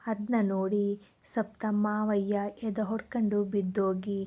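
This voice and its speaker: A tearful village woman in an audio storybook, carrying grave news to her friend, as the narrator puts her on. Her speech is soft, slow and rural, low in brightness and nearly flat in pitch. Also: close to an everyday voice. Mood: worried.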